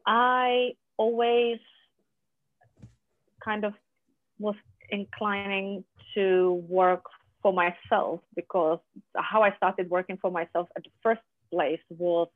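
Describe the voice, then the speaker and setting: A guest from Czechia with a Czech accent and Czech as a first language, speaking in a halting way with many fillers and restarts in a conversational interview. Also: mid-range voice, level tone, no room sound. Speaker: podcast guest, business founder. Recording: dry, tinny phone line.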